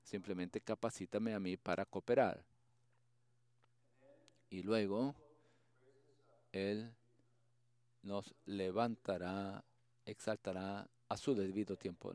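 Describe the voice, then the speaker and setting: A man preaching a sermon, speaking off the cuff with restarts, soft laughs and acted-out quotes. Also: lowish voice, clean tone, no echo.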